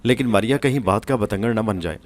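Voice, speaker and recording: A man voicing a calm wife with a secret. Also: fairly low pitch, lightly acted. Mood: evasive.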